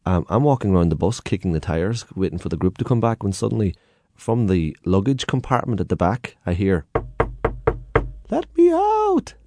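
A man's voice: low voice, fairly quick, a little mellow, no room sound. An Irish man telling stories and anecdotes in a lilting, conversational, colloquial way. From Ireland. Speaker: guest, tour guide and storyteller.

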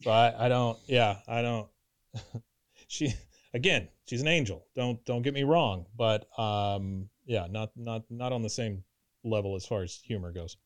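A man in his fifties hosting a podcast, rambling and halting with many restarts. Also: mid-range voice. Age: 50s. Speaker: podcast host. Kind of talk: casual podcast chat.

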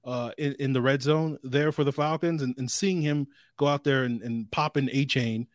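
A man co-hosting a casual sports podcast, talking in a measured way and thinking aloud as he goes. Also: medium pitch, steady tone, dry recording, studio quality. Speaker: podcast co-host.

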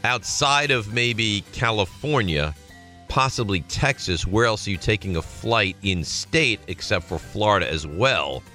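An American man hosting a sports radio show, bantering casually and telling stories in an animated way. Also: on the low side, a little slow, faint music behind.

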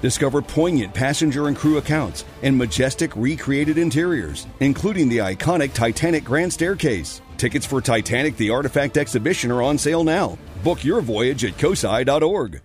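A man's voice: mid-range voice, lively intonation, moderate pace, few pauses, soft background music. A male announcer giving a polished, scripted ad read. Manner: polished promotional delivery. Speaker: advertisement announcer.

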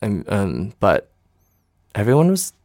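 A young man in his twenties, raised in Michigan, talks casually as an interview guest about his life. His voice sits fairly low, and he hedges and restarts often, filling gaps with ums. The sound is dry and close, with no room echo. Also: wildly swooping pitch, slow pace, a little mellow. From Michigan, United States. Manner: hesitant, many fillers and restarts. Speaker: interview guest, stage actor and singer.

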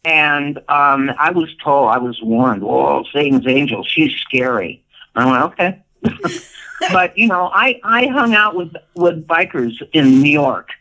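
A woman's voice: low voice, animated, slow pace, pushed and bright, poor audio. An older woman and retired performer, telling stories as an interview guest in a playful, theatrical way, laughing often and acting out what people said. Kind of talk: casual storytelling interview.

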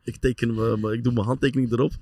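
Middle-aged guy, gravelly voice, telling football stories, gets animated and goes high when he acts stuff out. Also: very fast, no echo, studio quality. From Netherlands. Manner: animated storyteller, voice rises high when acting out scenes, laughs often. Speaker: former footballer and assistent coach telling stories. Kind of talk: casual anecdote telling.

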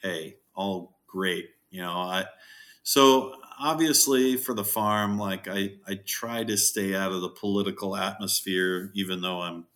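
A middle-aged man, a farm owner, chatting as a podcast guest in a jokey, animated way and acting out quotes. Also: measured pace. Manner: jokey, animated, acts out quotes with big pitch jumps. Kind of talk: casual interview chat.

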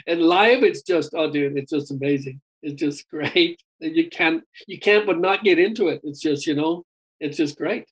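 A man's voice: on the high side, normal speed, slightly rough, low-quality recording. A man, a singer being interviewed, talking in a chatty, rambling, casual way and often saying "dude". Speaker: guest singer. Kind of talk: casual chat.

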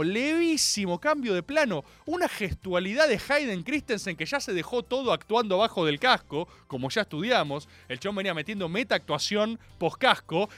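A man with a high, pushed, bright voice and a Rioplatense Argentine Spanish accent hosts a radio show from a radio studio. He delivers a comic monologue in slangy, theatrical storytelling.

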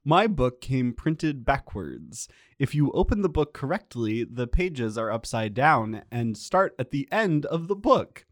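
A man hosting a casual podcast who reads reviews aloud and adds dry jokes. His voice sits at a middle pitch, and the sound is dry and close to the mic. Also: sing-song, measured pace, hardly any pauses, no room sound. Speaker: podcast host reading reviews. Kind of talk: casual chat and reading aloud.

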